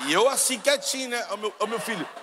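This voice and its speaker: A man's voice: high voice, quick pace, big-room sound, background noise. A middle-aged man from Brazil with a Carioca accent, preaching a sermon and telling a story while acting out the dialogue. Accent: Carioca Portuguese. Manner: storytelling, acts out dialogue, addresses crowd as brother.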